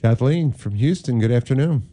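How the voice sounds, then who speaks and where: A man with a smooth radio host delivery, hosting a call-in prayer show and leading callers through a call-and-response prayer. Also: medium pitch, expressive, moderate pace, mellow.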